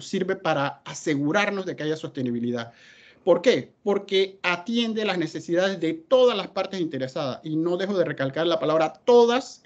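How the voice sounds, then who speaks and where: A man's voice: a little high, a little mellow. A man speaks emphatically in a webinar presentation. He poses questions and answers them himself. The audio is dull and lo-fi. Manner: emphatic, asks and answers his own questions. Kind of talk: presentation talk.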